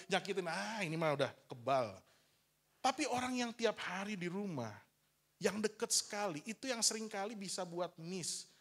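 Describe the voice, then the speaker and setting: Man, pastor, candid storytelling sermon, acts out dialogue, fairly high voice. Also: a bit bright. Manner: candid storytelling, acting out dialogue with his father; addresses the congregation as "saudara".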